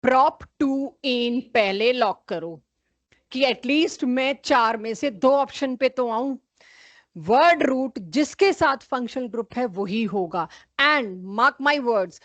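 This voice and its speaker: A woman's voice: a little high, no echo. A woman chemistry teacher giving a live online class, calling on students by name and correcting them firmly.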